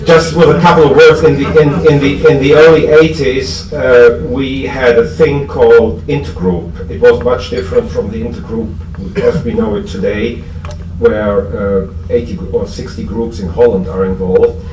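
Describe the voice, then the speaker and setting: The voice is male, German-accented, medium-pitched and steady, belonging to a convention speaker at a recovery fellowship. His informal, hesitant speech about the old days carries a dry, self-mocking wit. A distant mic captures him in a noisy, echoing room with an audience present.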